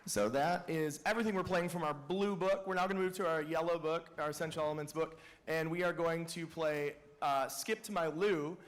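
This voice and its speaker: A man's voice: a little high, fairly quick, some chatter behind, a little hiss or hum. A man directing a school band, announcing each song to the audience with chatty, joking asides. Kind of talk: announcing songs at a school concert.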